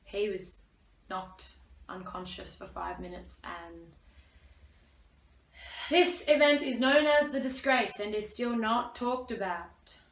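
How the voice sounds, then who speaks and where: A young Australian woman performing a wry, confessional theatre piece, swinging between loud and hushed lines. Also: mid-range voice, lively intonation, takes it slowly, pauses often. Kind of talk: theatrical monologue and scene. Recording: echoey room.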